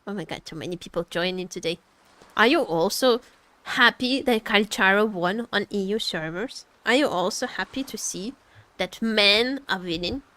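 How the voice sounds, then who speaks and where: With background music behind her, this female streamer teases her audience as she reads out and responds to their comments between bits of gaming commentary. Her mid-range voice has a sharp tone, and her pace is moderate.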